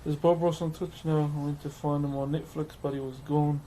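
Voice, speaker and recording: A man's voice: fairly high pitch, level tone, fairly quick, mellow. A man with a broad New Zealand accent chatting casually with livestream viewers as host, in a laid-back, matey way. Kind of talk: casual livestream chat while carving. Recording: clearly noisy background ambience.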